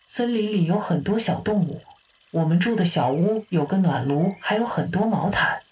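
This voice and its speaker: A woman voicing a calm female AI voice assistant who talks in an even, matter-of-fact way. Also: lowish voice, moderate pace, distant mic, close to an everyday voice. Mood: wistful.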